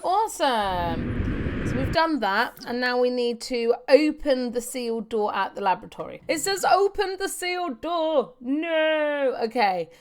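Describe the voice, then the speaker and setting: Playing through a video game, a woman chats casually to herself and reads the on-screen text aloud. Her voice is high and sing-song, a little slow, with slight noise in the background.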